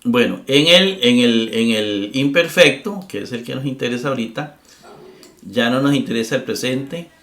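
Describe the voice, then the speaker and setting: This recorded Greek grammar lesson comes from a middle-aged man whose medium-pitched voice is slightly bright with lively intonation. He moves patiently through each point, often asking "¿verdad?" and pausing on "eh," in a roomy space.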